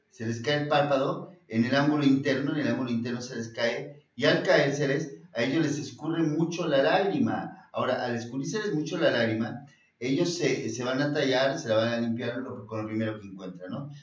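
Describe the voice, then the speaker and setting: A man with a Mexican accent hosting a naturopathic health talk show, repeating himself and filling pauses with "eh" and "este" as he gives advice and pitches remedies. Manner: rambling and repetitive, often restarts phrases, fond of saying "eh" and "este". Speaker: naturopathic doctor and show host. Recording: distant mic in a roomy space, dull sound.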